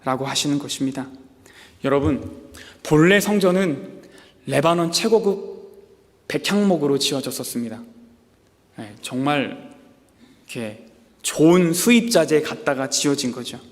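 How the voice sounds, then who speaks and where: A man preaching a sermon as a pastor, animated, often acting out quoted lines in a raised voice. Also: unhurried, long pauses. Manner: animated preaching, acting out God's words with rising pitch. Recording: long hall reverb.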